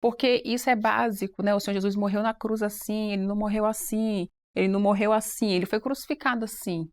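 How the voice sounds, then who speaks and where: A woman presenting on a church program, explaining sign language in a relaxed, quick, animated way. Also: mid-range voice. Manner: self-described fast-paced, animated explainer. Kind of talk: casual panel chat.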